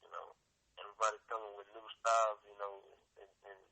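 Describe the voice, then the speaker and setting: A man's voice: on the low side, completely flat delivery, quick pace, pushed and bright, rough recording. A man talking as a rapper guest in a casual interview, laid-back and slangy with hesitant restarts.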